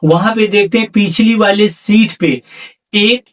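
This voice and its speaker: A man with a high voice narrates a spooky roadside tale in an easygoing, conversational way. He often breaks in to address his listeners as "guys". His voice sounds distant from the microphone. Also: unhurried. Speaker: horror story narrator. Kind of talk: casual spoken storytelling.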